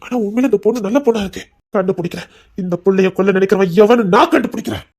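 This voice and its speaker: A man's voice: high-pitched, racing, vocal fry, background noise. Man playing a pleading remorseful husband. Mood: resolute. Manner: pleading, earnest, heavy with regret. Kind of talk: Tamil audio drama acting.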